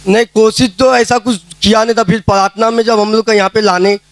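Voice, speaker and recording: A man's voice: high voice, level tone, brisk, no room sound. A man giving a casual spoken testimony at a prayer meeting, telling his story plainly and acting out the dialogue he quotes. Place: prayer hall.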